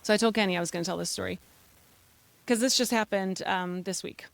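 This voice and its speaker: A middle-aged woman shares a personal story from the pulpit, chatty and unpolished, dropping into little acted-out quotes as she goes. Her voice sits at an ordinary pitch for a woman. The sound is close and dry, with almost no room around it. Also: a little fast, vocal fry, dry recording. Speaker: church speaker.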